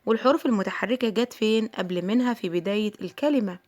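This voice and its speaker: A woman's voice: medium pitch, fast, a little mellow. A middle-aged woman with an Egyptian Arabic accent teaching English letter sounds to children, patiently repeating each sound and checking in with her pupils. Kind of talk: phonics lesson for children.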